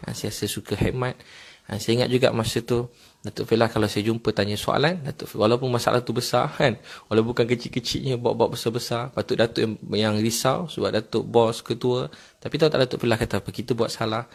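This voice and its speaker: A man giving a religious talk, telling personal stories quickly and filling pauses with a short "ha". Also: medium pitch, vocal fry. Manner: quick storytelling with many filler "ha"s. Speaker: Islamic preacher.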